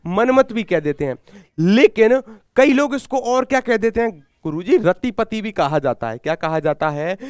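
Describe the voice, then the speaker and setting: A Hindi exam teacher with a Haryanvi accent runs a live exam-prep class in a fairly high, clean voice, firing questions at students, answering them himself, and repeating every key term while calling himself guruji. His throat is a little sore, and the smooth recording sounds dry and close.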